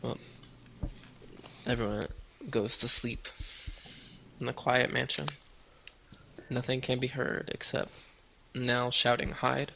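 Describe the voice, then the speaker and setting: A man's voice: mid-range voice, level tone, slow, long pauses, pushed and bright. A man narrating as game master of a tabletop game, casual and rambling with lots of fillers. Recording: clear background noise.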